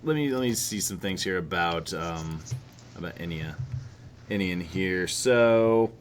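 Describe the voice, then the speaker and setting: Low-voiced rambling man running a game. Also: animated, unhurried, slight background noise. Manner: rambling, hesitant with many fillers. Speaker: game master. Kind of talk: narrating a tabletop game.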